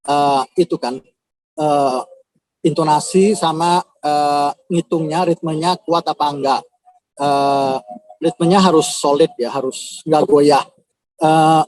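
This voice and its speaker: A man's voice: a little high, darkish tone. A man, a composer, answering viewers' questions on a live video call in a casual, hesitant way with many filler sounds. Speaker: composer and audition host.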